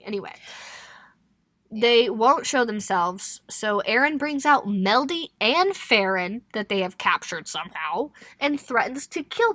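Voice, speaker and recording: A woman's voice: medium pitch, no echo. A young woman co-hosting a podcast, recapping a novel in casual chat with lots of laughter and swearing. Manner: laughing, animated storytelling with expletives. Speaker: podcast co-host.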